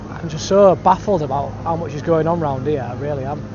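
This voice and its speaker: A man's voice: fairly high pitch, a little fast. A British man chatting casually to his travel vlog outdoors, with laddish, slangy phrasing. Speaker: travel vlogger. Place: outdoors in city streets and park. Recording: dull lo-fi outdoor sound, street noise.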